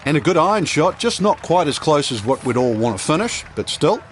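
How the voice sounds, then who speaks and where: A man's voice: fairly high pitch, sing-song, a little fast, slight background noise. A man playing a golf commentator, the plain-spoken analyst explaining shots conversationally in a video game broadcast. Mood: matter-of-fact.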